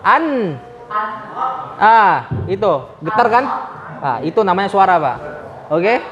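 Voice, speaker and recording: A high-voiced man teaches tajwid at a slow, careful pace, patiently drilling each letter sound with his students. The sound is dull and lo-fi, with a long echo filling the hall. A group of people can be heard around him. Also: lively intonation, a crowd in the background. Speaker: Quran recitation teacher. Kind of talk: tajwid class, coaching students. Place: prayer room with a group.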